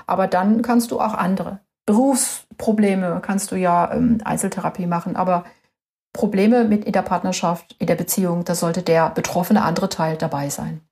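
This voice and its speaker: A woman therapist talks through her methods in an easy, conversational way. She is animated and slips into quoted voices to make her points, with plenty of fillers between thoughts. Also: lowish voice, moderate pace. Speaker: couples therapist. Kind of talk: conversational interview explanation.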